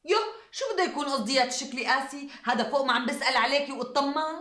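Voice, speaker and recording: A mocking Damascene gossip. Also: female voice, high-pitched, sharp tone, reverberant. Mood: taunting. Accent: Damascene Arabic. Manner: taunting, quick, biting. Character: sharp-tongued gossiping woman, provocative and mocking. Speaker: hostess of a women's gathering. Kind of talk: TV drama acting.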